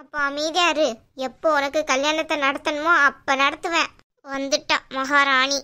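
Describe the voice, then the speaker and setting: A woman's voice: steady tone, pushed and bright. A woman voicing a scheming, domineering middle-aged aunt in a cartoon, talking in a bossy, scornful way. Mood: reassuring. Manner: bossy, scornful, low and slow. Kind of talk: cartoon voice acting.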